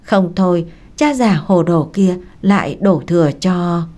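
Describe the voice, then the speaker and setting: A woman voicing a quarrelsome older village mother who shouts and curses. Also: lowish voice, measured pace, lightly acted. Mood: angry. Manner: shrieking, cursing.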